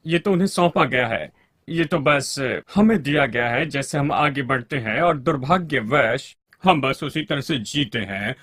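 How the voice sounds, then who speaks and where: A man's voice: fairly high pitch, a bit bright, dry recording, studio quality. A man preaching a sermon to a congregation and calling for amens along the way.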